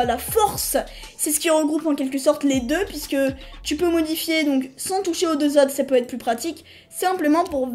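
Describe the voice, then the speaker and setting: A woman hosting a casual screen-recorded software tutorial. She talks in a chatty, hesitant way, restarts her sentences and apologizes to viewers now and then. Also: high voice. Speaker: tutorial host.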